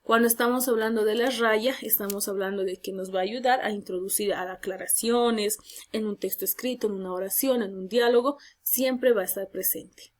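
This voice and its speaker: A woman's voice: mid-range voice, steady tone, normal speed. A woman teacher giving a spoken grammar lesson, explaining step by step and reading examples aloud.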